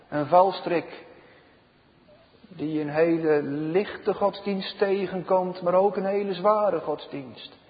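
A man preaching a sermon, slow and emphatic, his voice swelling loud and then dropping to a hush. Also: high voice. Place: church. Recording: dull reverberant church recording.

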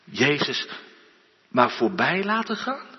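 Male preacher, husky voice, slow earnest sermon, dull recording with long church echo. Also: a little high, very animated. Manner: slow, earnest preaching with rising emphatic outbursts.

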